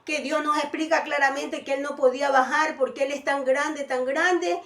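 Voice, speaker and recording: Woman, high voice, preaching a sermon, echoey room, distant mic. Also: fairly even intonation, moderate pace, a bit bright. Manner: calls listeners "amados" often, restarts and fillers.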